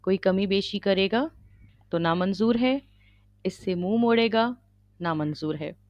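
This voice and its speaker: Woman lecturer, measured teaching tone, dull dry recording. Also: mid-range voice, a little mellow, no echo. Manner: measured teaching, checks listeners with "okay?". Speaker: Islamic lecturer. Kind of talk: religious lecture.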